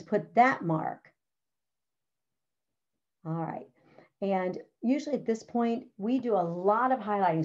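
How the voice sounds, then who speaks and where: With a medium-pitched, somewhat mellow voice, a middle-aged woman teacher explains a writing lesson to other teachers in an instructional walkthrough of her curriculum. Practical and chatty, she says "all right" and "okay" a lot; the recording is slightly dull and lo-fi.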